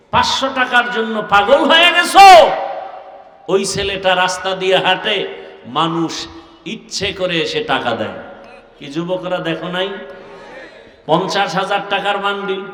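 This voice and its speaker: A man with a Bangladeshi Bengali accent preaching a fiery sermon, chanting quotations in a singsong and shouting rebukes at his listeners. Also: high-pitched. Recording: echoey hall from far off.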